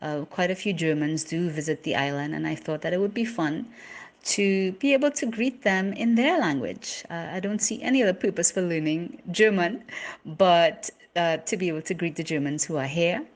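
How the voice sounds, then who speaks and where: Woman, mild Trinidadian accent, lowish voice, spoken self-introduction, measured delivery, stressed key words. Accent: Trinidadian, somewhat neutralized. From Trinidad and Tobago. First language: English. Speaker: interpreter and poem reader.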